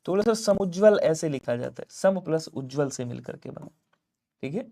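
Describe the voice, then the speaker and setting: A man from Lucknow, India, teaching a live online exam-prep class. He asks questions and answers them himself, and keeps urging viewers to comment quickly. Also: on the high side, expressive, vocal fry, mellow. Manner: drills answers by asking and answering his own questions. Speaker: Hindi teacher.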